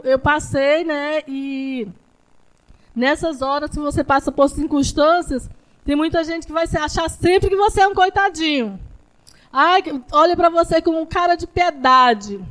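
Fervent high-voiced woman preacher. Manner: fervent, rising to shouted declarations. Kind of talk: sermon.

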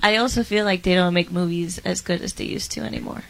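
A woman's voice: on the low side, fairly even intonation, fast talker, creaky, slight background noise, poor audio. A woman co-hosting a podcast, chatting casually and laughing easily. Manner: giggly, self-described geek. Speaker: podcast co-host. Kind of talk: casual chat.

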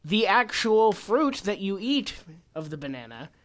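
Slightly high young man, playfully opinionated. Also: sing-song, unhurried, fairly bright tone. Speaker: podcast co-host. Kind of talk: casual chat.

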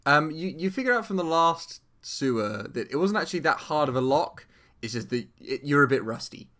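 Dude dm-ing a tabletop game, bright sharp voice, lots of ums and restarts. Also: male voice, fairly high pitch, very animated, brisk. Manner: rambling, lots of ums and restarts, casual swearing. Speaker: game master.

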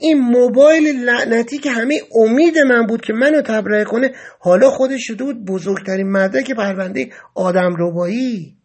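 A man with a notably high-pitched voice tells a dramatic first-person story. His telling is vivid and emotional, swelling into agitated outbursts whenever he quotes what he said. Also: hardly any pauses.

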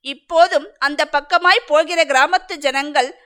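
A woman reading a story aloud in a measured, dramatic narrating manner. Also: high-pitched, fairly bright tone.

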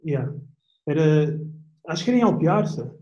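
A young man with a European Portuguese accent, chatting as an interview guest in a relaxed, slangy way with plenty of restarts. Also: on the high side, normal speed, reverberant, lo-fi sound. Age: young adult. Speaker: guest athlete. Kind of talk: casual interview chat.

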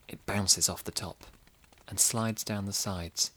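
Deep-voiced man narrating a sleep story. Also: fairly even intonation, poor audio. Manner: slow, soft, soothing delivery.

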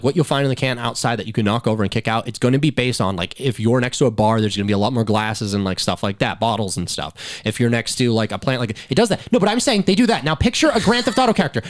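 An American man bantering and telling stories casually as a podcast host, insistent and swearing a lot. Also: medium pitch.

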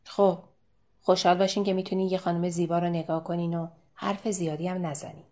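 A woman voicing a big, calm man who defends the barmaid, in an audiobook. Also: high voice, close to an everyday voice. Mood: courteous.

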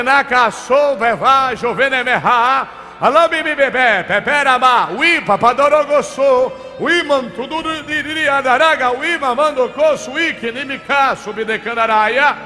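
A male pastor with a Brazilian Portuguese accent, leading a deliverance prayer at a church service, moving between rapid hushed speech, shouted commands and bursts of speaking in tongues. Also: extremely high pitch. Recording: reverberant hall with faint background music.

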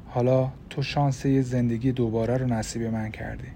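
A man voicing a steady young husband in an audiobook, speaking gently and reassuringly. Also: medium pitch, slight background noise, natural voice. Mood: tender. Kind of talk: audiobook character voice.

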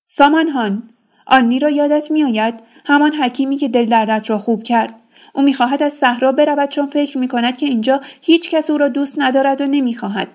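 A woman's voice: high-pitched, voice pushed up, lightly acted. A woman reading a novel aloud, voicing a young desert boy who urgently pleads with the elders. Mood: urging. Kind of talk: audiobook character reading.

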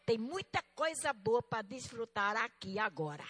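A woman teaching a fervent Bible school lesson, telling stories emphatically and moving between loud exclamations and quiet asides. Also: fairly high pitch, big pitch swings, unhurried. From Northeastern Brazil.

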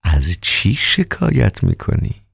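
A calm, polite doctor who speaks slowly and softly, almost in a whisper, as a man reads him in an audiobook. The voice sits low, with a gravelly, husky grain. It is recorded close and dry. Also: no room sound, exaggerated voice. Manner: slow, soft, half-whispered questions.

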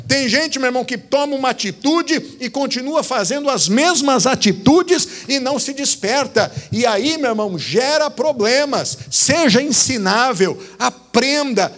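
High-voiced man preaching a sermon. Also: a bit bright. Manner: exhorting, rhetorical questions, repeatedly addresses the listener as brother.

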